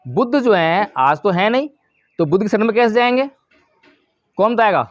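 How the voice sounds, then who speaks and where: High-voiced man giving a Dharma talk. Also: animated, normal speed, dry recording, clean studio sound. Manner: explanatory, asks the audience questions. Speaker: Buddhist teacher.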